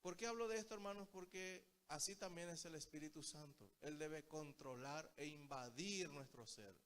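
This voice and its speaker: A man's voice: a little high, moderate pace, a bit bright. A man preaching a Bible study sermon, telling stories and often calling his listeners brothers. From Paraguay. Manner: storytelling, keeps addressing the listeners as brothers.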